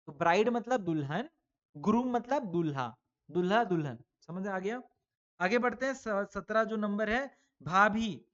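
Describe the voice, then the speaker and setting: A man's voice: sits high, dull audio. A male teacher giving an online exam-prep lesson to children, talking casually, calling the pupils "beta", and asking questions that he answers himself. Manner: asks students questions and answers them himself; chatty, addresses pupils as "beta".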